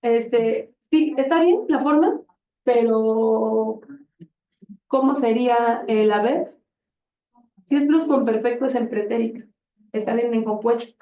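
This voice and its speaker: A woman's voice: fairly high pitch, slow, pauses often. A woman teaching a Spanish conjugation drill in a classroom, patient and encouraging and often praising answers. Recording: roomy, distant and dull classroom sound.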